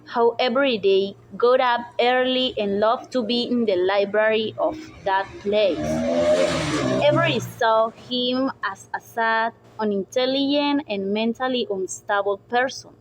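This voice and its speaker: A young woman whose first language is Spanish, slowly reading a dark story aloud with careful pauses, over loud background music. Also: fairly high pitch, slight background noise, low-quality recording. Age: young adult. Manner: slow, careful reading, with pauses between phrases. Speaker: student narrator. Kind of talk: read-aloud story narration.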